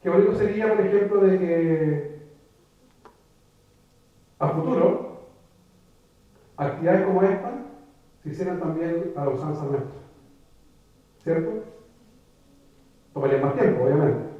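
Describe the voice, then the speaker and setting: A Chilean writer gives a reflective, conversational lecture to a live audience, his fairly high voice unhurried with long pauses, often restarting and repeating words as he thinks. The echoey, phone-like recording was made from far off in a lecture room.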